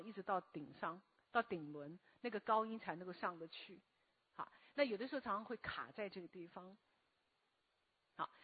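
A woman lecturing a class in a slow, deliberate way, often asking the listeners questions, her voice a bit hoarse from a recent cough. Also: mid-range voice, no room sound, phone-quality sound. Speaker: lecturer and meditation teacher. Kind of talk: spoken self-help lecture to a live class.

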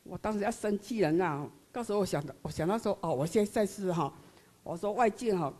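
An older woman with a Taiwanese Mandarin accent, telling her personal story in a halting, earnest way, full of tag particles. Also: medium pitch, animated, darkish tone. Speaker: member sharing her experience. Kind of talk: personal testimony.

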